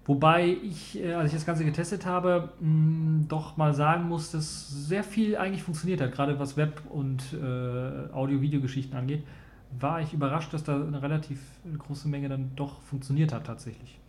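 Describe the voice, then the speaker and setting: A man's voice: a little high, steady tone, moderate pace. A man hosting a casual tech news podcast, chatting loosely with lots of filler sounds and talking straight to his listeners. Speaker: podcast host.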